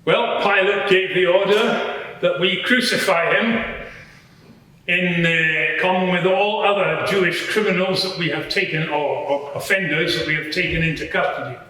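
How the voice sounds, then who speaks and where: The speaker is a man in the role of a matter-of-fact Roman soldier, offering formal, measured testimony at a dramatised courtroom inquiry watched by a live audience. His voice sits high with a bright, forceful tone, and his explanations come a bit hesitantly. The large public courtroom gives a very echoey sound.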